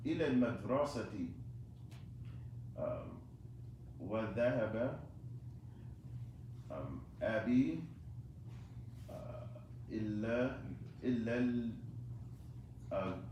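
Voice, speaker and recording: A male student reading aloud haltingly in an Arabic class, stopping often. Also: on the low side, animated, darkish tone, lo-fi sound. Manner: hesitant, halting reading with fillers. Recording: echoey, far from the mic, noisy.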